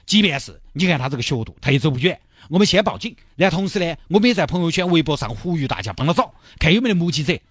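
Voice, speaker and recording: A man's voice: on the high side, sing-song, racing, few pauses, dry recording, clean studio sound. A man telling a comic story in a chatty, explaining manner.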